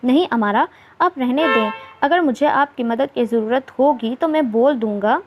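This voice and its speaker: Woman voicing a teasing young husband, storybook, fairly high, muffled lo-fi audio. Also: normal speed, background noise, lightly acted. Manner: teasing, affectionate. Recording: dull lo-fi recording.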